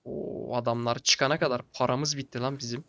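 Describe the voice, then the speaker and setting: A young man giving casual, low-key commentary on a strategy game late at night, sounding tired and chatting to the game's characters like buddies. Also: steady tone, brisk, gravelly, bright, forceful tone, lo-fi sound. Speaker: gaming channel host.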